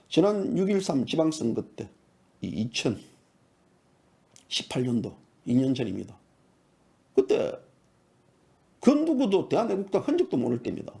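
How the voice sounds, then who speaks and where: A man's voice: a little high, vocal fry, mellow. A man in his fifties, an independent journalist, gives a heated commentary monologue and keeps firing off rhetorical questions. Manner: fiery, fires off rhetorical questions.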